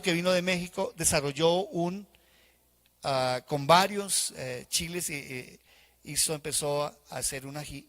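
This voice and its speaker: A male pastor preaching a sermon in a church, acting out the voices of people he quotes. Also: a little high. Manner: animated, acts out congregants' voices in quotes.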